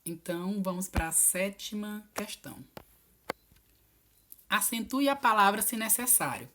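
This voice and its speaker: A woman teacher talks her class through homework answers in a recorded video lesson. She is patient and encouraging, and she stresses each word as she spells it out. Her voice sits at an ordinary middle pitch. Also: measured pace, sharp tone, slight background noise. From Piauí, Brazil.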